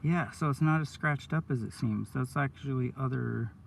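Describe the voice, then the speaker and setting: A man chatting casually on a live stream in his van, rambling and excitable, full of "dude" and "oh my God", sounding stoned. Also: medium pitch, normal speed, vocal fry, distant mic, a little hiss or hum. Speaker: coin roll hunter streaming live.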